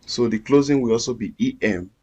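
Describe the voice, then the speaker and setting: A man's voice: mid-range voice, fairly quick, darkish tone, breathy edge. A man teaching a screen-recorded coding lesson, explaining each step patiently and repeating himself. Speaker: coding instructor.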